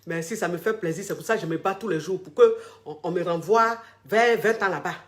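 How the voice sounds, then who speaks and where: A man in his 40s, working as a relationship coach, addresses followers casually on a live stream. His high voice runs a little fast with a fairly bright tone, and he gushes, repeating phrases over and over and tagging many lines with a filler word.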